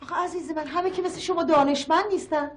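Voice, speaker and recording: A woman's voice: extremely high pitch, steady tone, slight background noise. An actress playing a chatty, placating housewife and mother who speaks soothingly in a sitcom. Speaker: wife and mother. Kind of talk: TV sitcom acting.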